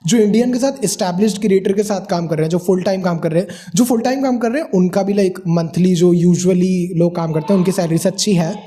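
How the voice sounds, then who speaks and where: A young man, a video editor, talking as a podcast guest in animated, easy chat that flips between languages and breaks into laughs. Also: high voice, fairly quick, few pauses, slight background noise. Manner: animated, code-switching, laughs often.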